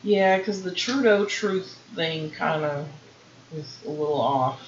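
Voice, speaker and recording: A woman co-hosting a casual TV review chat, sassy and expressive, with joking asides. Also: low voice, slow, a little hiss or hum. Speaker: co-host reviewing a TV competition show. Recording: dull, roomy home recording.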